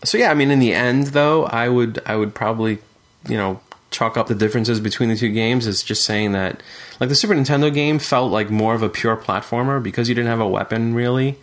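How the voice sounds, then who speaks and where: A man's voice: mid-range voice, a little fast. A man co-hosting a casual podcast chat, talking thoughtfully with frequent fillers and restarts. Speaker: podcast co-host discussing retro games.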